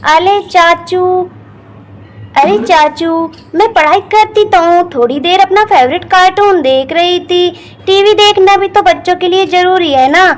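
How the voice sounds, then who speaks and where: A woman's voice: very high voice, measured pace. A woman voicing a cheeky, sulky schoolgirl in a doll story, pleading and grumbling. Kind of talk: doll story role-play.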